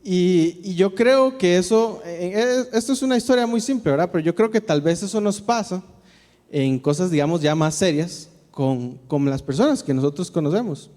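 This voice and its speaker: A Costa Rican man with a high but mellow voice tells a story in a church talk. He speaks casually and keeps tagging his sentences with a questioning word. His voice trails off into the long reverb of a church hall. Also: expressive, moderate pace.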